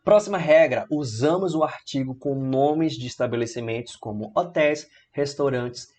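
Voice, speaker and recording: A man with a Brazilian Portuguese accent teaching English grammar in an online lesson. He explains each rule step by step, reads the English examples slowly, and checks in often with "tá?" and "né?". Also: mid-range voice, darkish tone.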